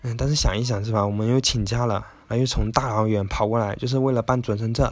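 A man's voice: mid-range voice, fairly even intonation, fast talker, a little mellow, no echo. A man hosting a casual self-help talk, chatty and rambling, with lots of little filler words. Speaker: podcast host.

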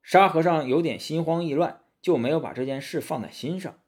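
A man narrating a storybook tale in an animated, dramatic way. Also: on the high side, fairly quick.

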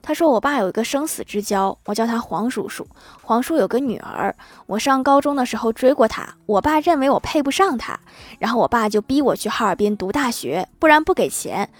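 Brisk woman narrating comic anecdotes. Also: fairly high pitch, expressive, no room sound. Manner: brisk storytelling with laughing punchline asides. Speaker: host. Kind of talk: scripted joke narration.

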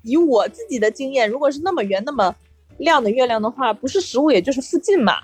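A woman with a high, slightly rough voice co-hosts a casual talk show. Her pitch swings widely as she chats and acts out snatches of dialogue in an animated, storytelling way. Music plays behind her. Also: fast talker, dry recording. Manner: animated anecdote telling, quoting dialogue. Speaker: co-host of a chat show.

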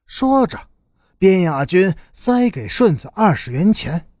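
A man narrating an audiobook in an expressive storytelling style. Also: sits high, measured pace, dry recording, clean studio sound.

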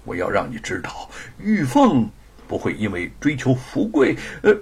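A man voicing a devoted young wife in an audiobook, speaking higher and in an emotional, pleading manner. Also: huge pitch swings, moderate pace, vocal fry, slightly rough, heavily acted. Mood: determined.

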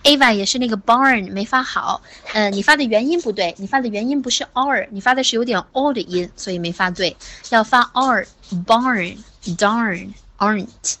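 A woman teaching English pronunciation in an online class, patient, saying words slowly and praising her students. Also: a little high, sharp tone, a little hiss or hum.

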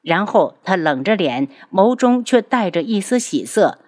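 A woman narrating a serialized audiobook in an even storytelling delivery. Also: medium pitch, unhurried.

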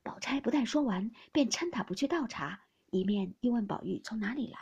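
A woman narrating a classic novel in a soft, half-whispered storytelling voice. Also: on the high side, expressive, fairly quick, creaky, breathy edge. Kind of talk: storybook reading.

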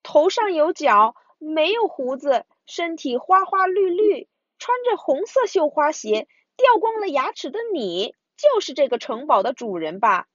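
Storybook role: woman playing a curious little boy bear cub, raised lively voice, dull lo-fi sound. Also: very high voice, moderate pace, hardly any pauses, no room sound, voice pushed up. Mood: confident. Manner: bright, eager questioning.

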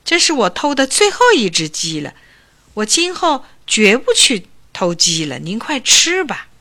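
A woman's voice: extremely high pitch, slow pace, bright, forceful tone, voice pushed up, full character voice. A woman voicing a young male chicken thief who whines and pleads in a fearful voice. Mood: begging.

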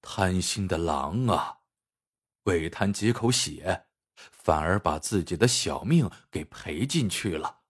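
A man's voice: sits low, expressive, takes it slowly, husky, pitched below the performer's own voice, exaggerated voice. A man voicing a nervous young nephew who mutters in a shaken way.

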